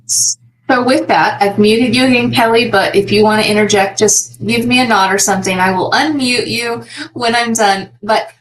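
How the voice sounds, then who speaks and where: A woman hosting an online interview over a video call, chatty and quick to laugh, asking long run-on questions. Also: on the high side, steady tone, a bit bright, low-quality recording. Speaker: host.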